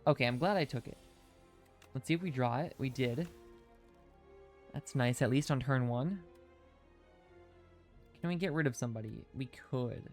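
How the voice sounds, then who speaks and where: Faint music sits behind this chatty male streamer as he plays a video game and muses aloud, reading chat comments in a relaxed live commentary. He's wearing dental retainers that slightly get in the way of his speech, talking at normal speed and medium pitch with long pauses.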